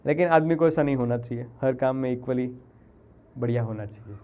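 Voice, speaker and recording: A young man teaching physics in a live online class. He talks to his students like younger siblings and reads equations out slowly. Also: mid-range voice. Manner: talks to students as family, drops into soft apologetic tones; mixes Hindi with English formula terms, reads equations slowly.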